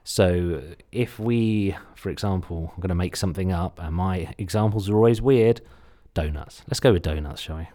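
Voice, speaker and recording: Male podcast host, deep voice, light Suffolk accent. Chatty, informal explainer with self-deprecating asides. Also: moderate pace, few pauses, mellow. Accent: slight Suffolk English. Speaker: podcast host, content marketer. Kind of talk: casual instructional talk, solo podcast.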